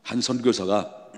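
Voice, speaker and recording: A male pastor delivering a sermon, often asking his congregation rhetorical questions and building to loud, emphatic passages. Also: mid-range voice, vocal fry. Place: church sanctuary. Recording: long church hall reverb.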